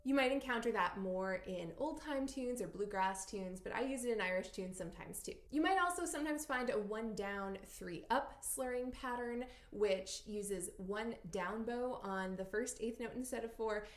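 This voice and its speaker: A woman teaching fiddle technique, explaining clearly and counting beats aloud. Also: a little high, normal speed, few pauses, reverberant. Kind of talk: instructional tutorial.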